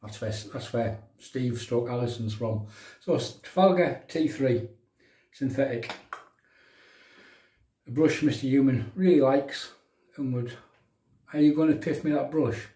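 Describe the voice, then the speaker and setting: A man's voice: mid-range voice, a little slow, pauses often, dark tone, a little hiss or hum. A middle-aged man with a County Durham accent chatting casually to live viewers in a matey, bantering way while demonstrating in a bathroom. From County Durham, England. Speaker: livestream host of a shaving show. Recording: roomy bathroom echo, distant microphone.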